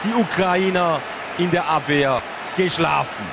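A man's voice: fairly high pitch, a little slow, vocal fry. A man commentating on a televised football match, analysing play in short phrases. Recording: muffled broadcast audio over loud stadium noise. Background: stadium crowd noise.

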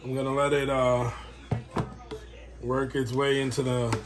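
In a noisy home-recorded how-to vlog, a dog breeder talks loosely and chattily while doing his work. His medium-pitched voice barely moves in pitch, and he speaks a little slowly.

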